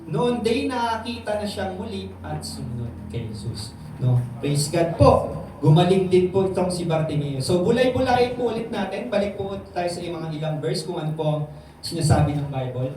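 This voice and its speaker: A man preaching, reading a verse and then retelling it in casual Taglish, and raising his pitch to act out the voices in the story. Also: lively intonation, normal speed, mellow, a little hiss or hum. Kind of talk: sermon reading and explaining scripture. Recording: very echoey room, voice from some distance.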